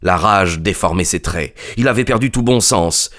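A man narrating a classic story in a measured, literary manner. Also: sits low, a bit bright. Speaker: audiobook narrator. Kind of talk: scripted narration.

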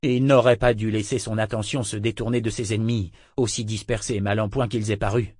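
A man's voice: on the low side, steady tone, brisk, a little mellow, no echo. Man reading a story, dry close sound. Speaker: audiobook narrator. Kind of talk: scripted narration with character voices.

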